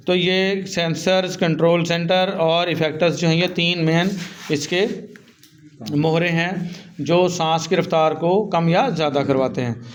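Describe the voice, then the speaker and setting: A man teaching physiology, reading English lines slowly and then explaining them, calling his students "beta" and asking and answering his own questions. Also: on the high side, a little hiss or hum.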